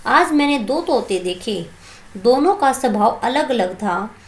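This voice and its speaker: A woman's voice: fairly high pitch, expressive, unhurried, reverberant. A woman reading the lines of a curious, polite king in a plain storybook voice.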